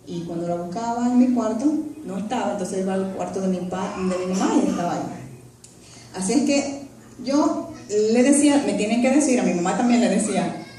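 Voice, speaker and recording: A woman giving an earnest personal testimony in a church, telling her story haltingly with restarts. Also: mid-range voice, dark tone, a little hiss or hum. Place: church hall. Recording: very echoey hall, voice from far off.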